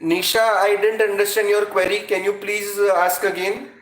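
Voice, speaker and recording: Standing at a chalkboard indoors, this Indian-accented man teaches physics to an online class at a moderate pace. His voice is high-pitched and a bit bright, with little pitch movement, and he addresses students directly, repeating phrases to stress them. There's an echo in the room.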